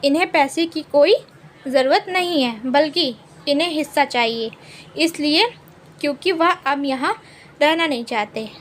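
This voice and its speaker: A woman's voice: high voice, measured pace, slight background noise. A woman playing a biting, defiant young wife. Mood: firm. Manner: loud, biting, outspoken. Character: sharp-tongued young wife, defiant daughter-in-law.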